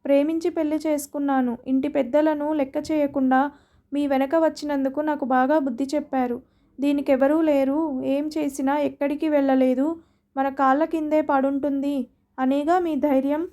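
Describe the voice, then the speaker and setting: Storybook wife, jealous and accusing, high and flat as a woman reads her. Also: moderate pace. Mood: bitter. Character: young wife, jealous and hurt. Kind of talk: storybook reading.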